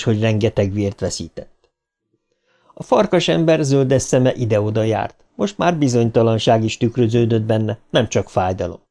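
A man narrating a horror novel as a dramatic audiobook reading. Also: medium pitch. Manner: vivid, rising for shouted lines.

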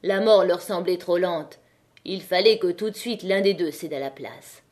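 A woman narrating an audiobook of a classic novel with a measured, expressive reading. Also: on the low side.

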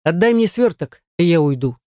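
A woman's voice: lowish voice, lively intonation, moderate pace, warm tone, no echo, studio quality, natural voice. Woman voicing an icy, contemptuous young thug. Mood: taunting. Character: cold menacing young male ex-boyfriend.

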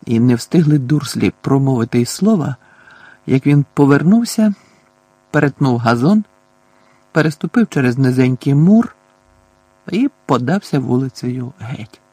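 A male audiobook narrator with a husky, slightly breathy voice at a middling pitch. He reads in a measured, expressive way, and the sound is dry and close to the mic. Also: no room sound.

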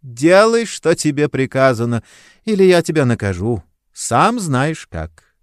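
A man's voice: medium pitch, very animated, unhurried, no echo, clean studio sound, pitched above the performer's own voice. Man reading a haughty princess: silky, cruel, commanding; audiobook. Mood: imperious.

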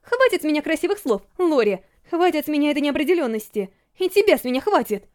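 A woman voicing a stubborn, sharp-tongued young princess, scolding and indignant in an audiobook reading. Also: sits high, big pitch swings, fast, pitched above the performer's own voice. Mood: angry.

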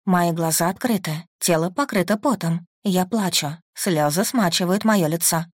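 A woman's voice: fairly low pitch, normal speed, husky, no room sound, studio quality. A woman reading an audiobook in the first person. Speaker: audiobook narrator.

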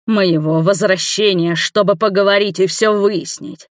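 A woman voicing Igor, a shouting, heartbroken man. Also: mid-range voice, fairly even intonation, no room sound, clean studio sound, close to an everyday voice. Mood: anguished shouting. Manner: shouting, slow and heavy. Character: distraught man, heart patient, shouting in anguish.

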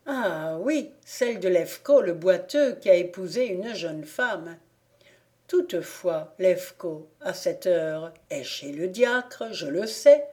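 A woman reading the part of a sly, stubborn old peasant man who mutters to himself, in a slow storybook reading. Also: sits high, darkish tone.

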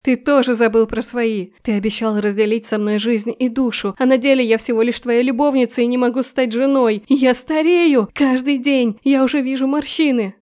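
A woman voicing a hysterical young mistress who talks in a shrill, accusing tone in a storybook reading. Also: steady tone, moderate pace, few pauses, darkish tone, lightly acted. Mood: tearful.

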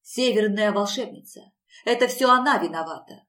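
A woman's voice: medium pitch, normal speed, recorded from a distance, lightly acted. Woman doing a melodramatic weepy young advisor. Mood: furious. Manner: loud, pleading and wailing.

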